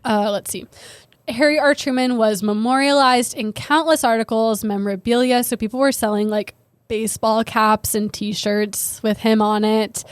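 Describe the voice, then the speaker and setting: A woman's voice: a little high, dry recording. A woman with a Valley girl American accent and a "like"-peppered manner, co-hosting a podcast and telling a story conversationally. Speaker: podcast co-host.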